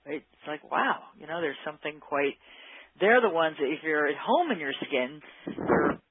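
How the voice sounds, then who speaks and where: A man's voice: fairly high pitch, expressive, normal speed, slightly rough, dry recording. A man being interviewed as an expert, thoughtfully explaining his ideas and searching for the right words. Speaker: guest expert on workplace psychology. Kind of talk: conversational interview. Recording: phone-line audio.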